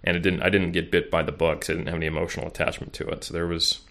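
Podcast guest: a man in his thirties with a very low voice, chatty and loose, full of ums and restarts. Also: flat delivery, very fast, vocal fry, fairly bright tone. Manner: rambling, many fillers and restarts. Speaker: podcast guest, bodybuilding coach. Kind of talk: casual interview chat.

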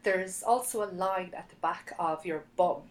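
A woman's voice: on the low side, moderate pace, slight background noise, poor audio. A woman with an Irish accent, chatting casually and animatedly as she tells a personal story. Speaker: podcast guest sharing a birth story. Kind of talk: casual chat.

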